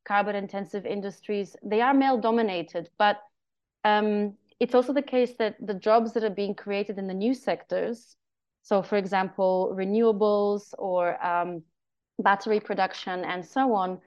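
A woman's voice: medium pitch, steady tone, moderate pace, a little mellow, smooth, dull audio. A woman researcher answering interview questions on a podcast, explaining carefully with frequent ums and uhs. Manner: careful, explanatory, many um and uh fillers. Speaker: guest researcher.

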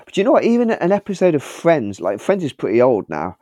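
A man's voice: fairly high pitch, wildly swooping pitch, a little fast, warm tone, no room sound, studio quality. A middle-aged father talking earnestly and reflectively in a casual podcast chat. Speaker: co-host, father.

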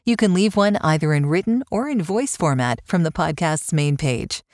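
A woman's voice: low-pitched, lively intonation, moderate pace, dry recording, studio quality. A woman hosting a podcast interview, who laughs easily and speaks appreciatively. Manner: warm, laughs often, appreciative. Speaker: podcast host.

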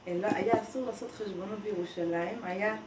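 A woman's voice: medium pitch, fairly even intonation. Distant woman in a noisy echoey room. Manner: recounting a teaching she heard. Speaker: participant at a gathering. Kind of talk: casual conversation. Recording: distant mic, echoey room, loud background noise.

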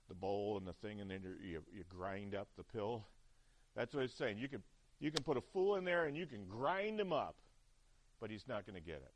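A man preaching a chapel sermon at a seminary, talking conversationally with frequent "right?" checks and restarts. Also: medium pitch.

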